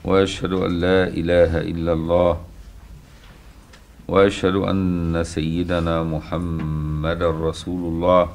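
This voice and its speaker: A middle-aged Egyptian man with a very low voice gives a religious lesson. He explains patiently and keeps checking that his listeners have understood. He slows right down when he recites a verse. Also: a little hiss or hum. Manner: checks understanding with rhetorical questions; recites quoted verses slowly and deliberately. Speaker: religious teacher.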